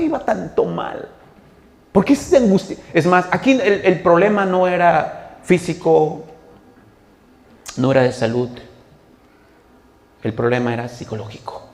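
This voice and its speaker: Brief: male pastor, animated sermon, swinging pitch, roomy church reverb. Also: vocal fry. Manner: animated storytelling, acts out quoted speech. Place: church hall. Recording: echoey church hall.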